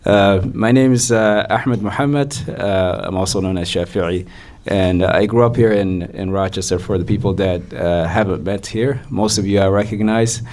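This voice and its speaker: A young man from Somalia, a physician, giving a measured personal talk to an audience with frequent fillers. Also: deep voice, darkish tone. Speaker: guest speaker, physician.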